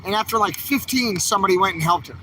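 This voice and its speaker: Angry guy yelling into his phone outside, high sharp voice, cars faintly going by. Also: quick pace, slight background noise, low-quality recording. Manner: fiery, repetitive, angry exhortation. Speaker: livestreamer filming a street protest. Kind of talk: impassioned livestream rant. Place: city street outdoors, traffic nearby. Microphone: handheld phone camera.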